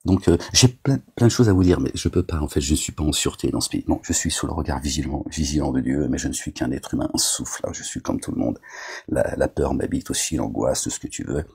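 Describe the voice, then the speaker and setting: A man's voice: rumbling low, lively intonation, fast, creaky, a little mellow, breathy edge. A man delivering a rambling, agitated monologue to his viewers, scolding them as a self-styled preacher, with constant verbal tics.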